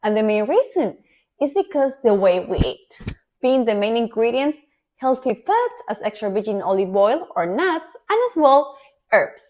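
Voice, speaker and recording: Spanish-accented woman host in her thirties, high bright voice with a very animated swing, enthusiastic and emphatic. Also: moderate pace, a little hiss or hum. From Spain. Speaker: olive oil sommelier and cooking show host. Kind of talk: scripted introduction to camera.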